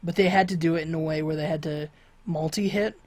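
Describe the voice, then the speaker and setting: A man's voice: on the high side, fairly even intonation, a little fast, a little mellow. Rambling man on a casual podcast. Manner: rambling, many fillers and restarts. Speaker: podcast co-host. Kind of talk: casual chat.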